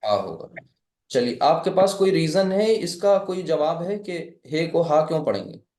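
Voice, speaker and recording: A man's voice: a little high, lively intonation, a little mellow, reverberant, a little hiss or hum. A man from India teaching a live Arabic class, patiently explaining step by step and quizzing his students.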